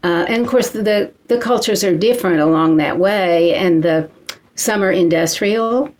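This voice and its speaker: A middle-aged woman from Kentucky, a poet reading her work slowly and then answering interview questions in a measured way. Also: medium pitch, darkish tone, low-quality recording. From Eastern Kentucky. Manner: slow, measured reading with deliberate pauses.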